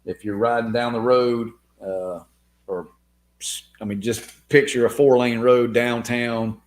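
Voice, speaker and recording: Unhurried and steady, a man with a mid-range voice answers viewer comments on his casual live Q&A stream. He keeps it laid-back, says "man" and "dude" to listeners, and his voice is wearing thin as he loses it.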